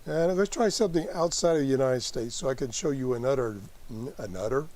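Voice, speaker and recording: A man giving a casual live app tutorial as host, haltingly thinking aloud as he works through it. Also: medium pitch, a little mellow. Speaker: host demonstrating a radio app.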